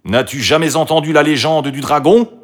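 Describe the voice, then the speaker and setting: A man's voice: a little high, normal speed, voice pushed up, natural voice. A man voicing two young princes who urgently warn their sister, raised and alarmed. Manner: urgent warning.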